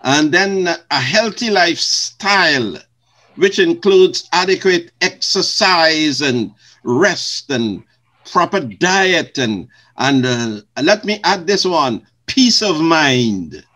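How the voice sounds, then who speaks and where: An older man from Guyana, a retired pastor, answering interview questions in slow, measured, formal phrasing. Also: a little high, lively intonation, bright, forceful tone.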